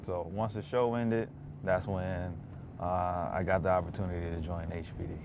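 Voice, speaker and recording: Low-voiced male police officer being interviewed. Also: little pitch movement, moderate pace. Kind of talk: interview answers. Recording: slightly dull sound, faint noise.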